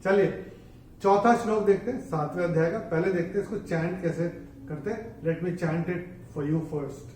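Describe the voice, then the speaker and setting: A man teaching how to chant verses, explaining each rule in a measured way and then chanting the lines slowly and more loudly. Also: high-pitched, a little hiss or hum. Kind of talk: bilingual tutorial on chanting verses. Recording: echoey room, voice from a distance off the mic.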